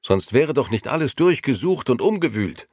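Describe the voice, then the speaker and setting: A man's voice: medium pitch, big pitch swings, moderate pace, a little mellow, dry recording, studio quality, pitched above the performer's own voice. A man voicing a young male storyteller who answers evasively and pleads in a frightened, hasty way in a storybook reading. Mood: anxious.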